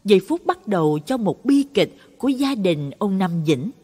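A woman's voice: mid-range voice, very animated, moderate pace, dark tone, slightly rough. A woman narrating a Buddhist morality story with dramatic expression. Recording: long reverb.

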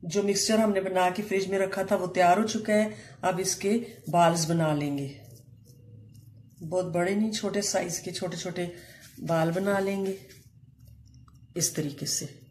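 A woman with a fairly low voice hosts a home cooking channel, calmly walking through a recipe step by step with short pauses and Urdu-flavoured words. She's in a home kitchen, and the echoey room carries faint ambient noise.

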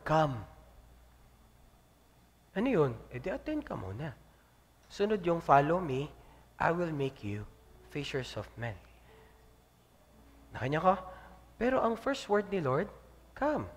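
Pastor guy preaching, kinda high voice, big reverby church hall. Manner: lively preaching, swings between loud and soft. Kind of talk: sermon.

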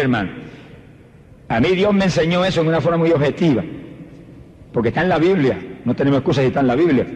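An older Puerto Rican evangelist delivers a fervent Pentecostal sermon in a fairly high voice. His words ring out with a long hall echo, and faint hiss sits under the archival recording. He stretches key phrases slowly, then rushes ahead in quick exhortations. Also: darkish tone. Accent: Puerto Rican Spanish. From Puerto Rico. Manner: fervent, exhorting, shifts between slow emphatic and rapid bursts. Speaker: evangelist preacher.

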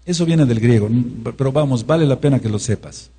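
A man's voice: mid-range voice, a little fast, mellow, breathy edge. A man with a Mexican accent teaching a sermon, repeating key words and asking his listeners questions. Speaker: preacher.

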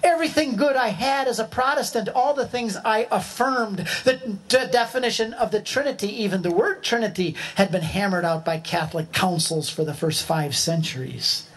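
Animated older man telling a story. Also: high-pitched, moderate pace, hardly any pauses. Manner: animated, acts out voices. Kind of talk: storytelling talk.

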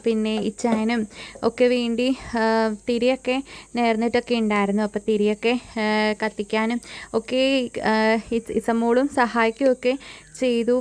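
A pregnant young woman narrating her day in a chatty vlog voice-over, full of fillers and asides. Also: fairly high pitch. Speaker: vlogger.

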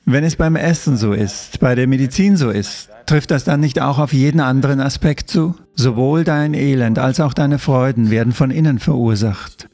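A man's voice: medium pitch, mellow. Man dubbing an emphatic spiritual talk. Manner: emphatic, repeating points. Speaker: voice-over translator of a spiritual talk.

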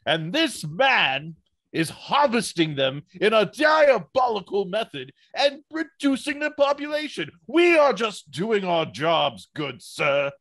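A man's voice: high-pitched, sing-song, slow, fairly bright tone. A man playing a tabletop game over a video call, giving an earnest in-character speech. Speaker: player.

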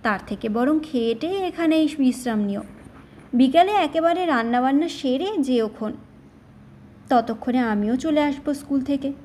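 A woman's voice: sits high, normal speed, a little mellow, a little hiss or hum, close to an everyday voice. A woman reading the lines of a young male schoolteacher in a plain, questioning way, in an audio story. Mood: earnest.

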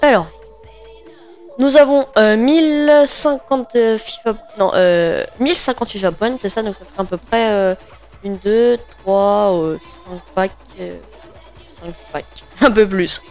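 A man's voice: high voice, slow, faint music behind. A man giving casual gaming commentary while opening packs, hesitant and full of fillers and restarts. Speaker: gaming video creator.

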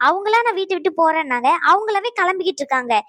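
A woman's voice: extremely high pitch, expressive, fast talker, sharp tone, no echo, heavily acted. Woman voicing a blunt young cartoon wife. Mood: angry. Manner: snapping, accusing. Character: sharp-tongued young wife, blunt and impatient. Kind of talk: cartoon voice acting.

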